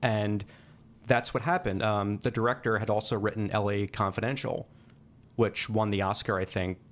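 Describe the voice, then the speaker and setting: Low-voiced man musing on film. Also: steady tone, normal speed. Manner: thoughtful, hesitant, many fillers and restarts. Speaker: podcast co-host. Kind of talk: casual film discussion.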